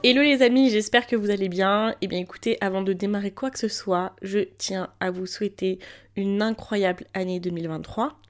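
A woman talks solo on a podcast in a mid-pitched voice made thick by swollen tonsils and a throat infection. She speaks informally and directly to her listeners, urging them on in a motivational way. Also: normal speed. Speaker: podcast host. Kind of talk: casual solo podcast talk.

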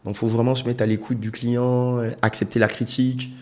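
A man from Côte d'Ivoire, speaking as an entrepreneur guest in a casual interview, explaining in a measured way with many hesitations. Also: mid-range voice, flat delivery, a little mellow.

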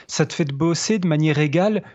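A man, a guitarist co-host explaining technique in casual chat, pausing to find his words. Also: fairly high pitch, darkish tone. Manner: explanatory, pauses to search for words. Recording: slightly dull lo-fi sound.

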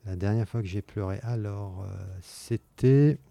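Low-voiced man talking casually. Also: measured pace, vocal fry, warm tone, no echo. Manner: casual, rambling. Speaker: interviewee. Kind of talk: casual interview answer.

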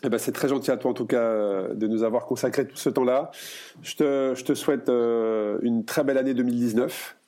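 A man hosting a podcast interview, talking in a relaxed way with many hesitations. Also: mid-range voice, a little fast. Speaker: podcast host.

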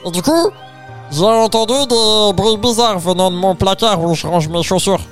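A man's voice: high-pitched, normal speed, soft background music. A man rambling playfully through an improvised comic story, full of fillers.

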